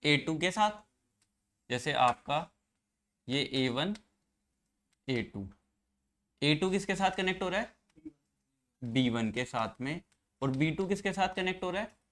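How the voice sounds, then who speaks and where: A man's voice: a little high, lively intonation, slow pace, pauses often, fairly bright tone. A man teaching an engineering class, explaining circuits step by step and quizzing his students as he goes. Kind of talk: classroom lecture.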